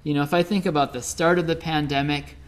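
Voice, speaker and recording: A man's voice: on the high side, fairly even intonation, quick pace. A middle-aged Midwestern man giving a Buddhist dharma talk as a teacher, telling stories conversationally with many fillers. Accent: Midwestern American.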